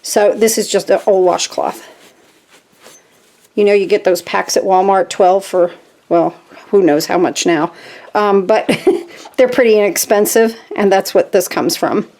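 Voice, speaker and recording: A woman hosting a casual craft tutorial from her home craft room, chatting to viewers and getting excited as she works. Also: mid-range voice, unhurried. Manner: chatty and easily excited, talks to viewers while working. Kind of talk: casual step-by-step craft demonstration.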